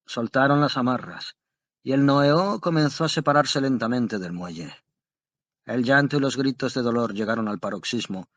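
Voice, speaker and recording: A man reading a classic story aloud as an audiobook narrator, with a dramatic, expressive delivery. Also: mid-range voice, no echo.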